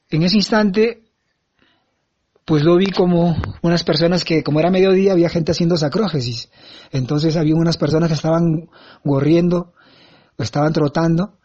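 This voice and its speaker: A man giving a first-person eyewitness account, halting and earnest, with frequent restarts. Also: on the high side, warm tone. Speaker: eyewitness recounting an event. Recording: dull lo-fi sound.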